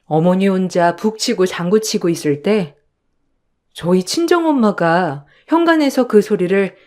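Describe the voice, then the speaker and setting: A woman narrating a first-person story in an even, medium-pitched voice. Her telling is plain and confiding, as if speaking to a listener. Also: moderate pace.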